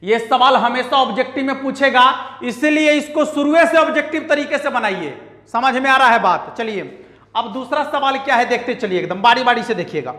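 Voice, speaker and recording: A man's voice: very high voice, animated, normal speed, pushed and bright. A man teaching math in an online exam-prep lesson, emphatic and repetitive, with teasing asides to his students. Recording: echoey room with long reverb.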